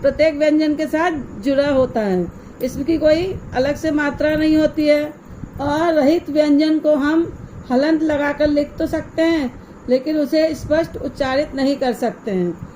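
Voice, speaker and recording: A woman teaching young children in a slow, unhurried way, her voice pitched high and clear. She explains each step patiently and keeps putting questions to her pupils. Faint ambience sits behind her. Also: warm tone, a little hiss or hum, poor audio. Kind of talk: online grammar lesson for young children.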